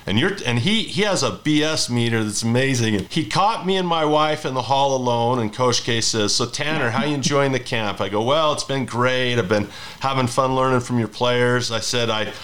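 A man's voice: mid-range voice, a bit bright. A man in his fifties hosting a conversational interview, telling rambling anecdotes between questions. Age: 50s. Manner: rambling storyteller who hosts the interview. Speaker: podcast host.

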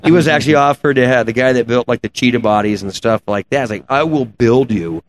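A fast-talking man with a medium-pitched voice appears as an interview guest, a race car builder who owns a shop. He chats casually, trading car stories in colloquial shop slang. Background ambience and noise come through clearly.

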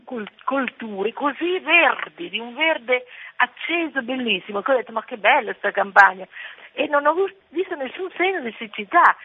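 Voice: mid-range voice, breathy edge. A caller speaking to a radio show over the phone, chatty but hesitant, often restarting words. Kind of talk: casual call-in chat. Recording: narrow phone line.

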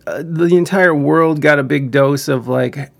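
A man's voice: fairly high pitch, measured pace, vocal fry. A man from the United States hosting a podcast, chatting casually with lots of stammering restarts. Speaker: podcast host. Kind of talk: casual interview chat.

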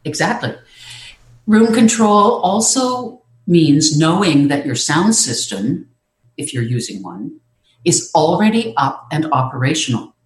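Advice on presentation skills comes from a speaking coach whose middling-pitched voice is calm and explanatory, with the odd hesitation to find a word. A distinct roomy echo colors the recording.

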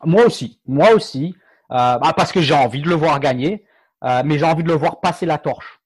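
A man chatting casually about fighting sports as a podcast co-host, halting with many fillers and restarts. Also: fairly high pitch, husky, no room sound.

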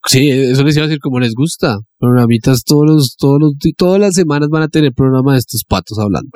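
Colombian man, mid-pitched, easygoing playful co-host, dry phone-mic sound. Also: quick pace, a little mellow, no echo. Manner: playful, laughing between remarks. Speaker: podcast co-host. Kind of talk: casual chat.

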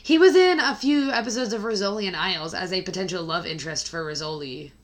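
Hoarse woman with a scratchy smoker's rasp. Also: fairly low pitch, fast talker. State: hoarse after flu. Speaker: podcast co-host. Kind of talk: casual book discussion.

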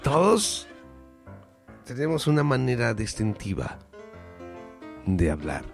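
A man's voice: mid-range voice, very animated, takes it slowly, creaky, soft background music. A man with a Mexican accent hosting a podcast, joking around with crude slang and lots of filler. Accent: Mexican Spanish. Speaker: podcast host. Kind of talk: casual podcast chat.

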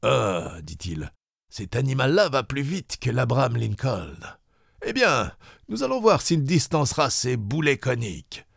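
A man's voice: mid-range voice, very animated, unhurried, gravelly, a bit bright, dry recording, clean studio sound, pitched above the performer's own voice, full character voice. A man reading an audiobook, voicing a stern, driven frigate commander who barks orders. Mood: determined. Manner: barking orders.

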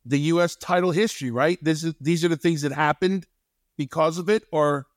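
Male podcast co-host, slightly higher voice, dry close mic, rambling storyteller. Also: a little fast, no room sound. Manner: rambling, folksy, tells stories. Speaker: podcast co-host, former wrestling trainer. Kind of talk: casual podcast chat.

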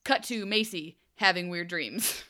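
A young woman co-hosting a podcast, recapping a TV episode in casual chat, animated and chatty with playful asides. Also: fairly low pitch, unhurried. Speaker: podcast co-host.

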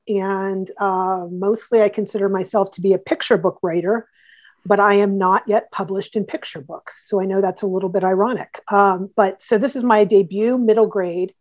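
A woman's voice: mid-range voice, fairly even intonation, unhurried, muffled recording. A woman from Ohio chats as a guest author. She is enthusiastic and talkative, her voice in a mid range. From Columbus, Ohio. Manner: enthusiastic, chatty, many fillers. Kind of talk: casual interview chat.

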